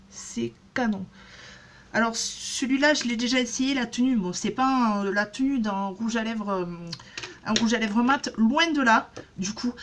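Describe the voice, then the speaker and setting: A woman in her thirties talks through a shopping haul in a loose, rambling way, full of fillers and restarts. Her voice sits a little high, and a faint background noise runs under the recording. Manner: chatty, many fillers and restarts. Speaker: beauty vlogger. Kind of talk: casual haul vlog.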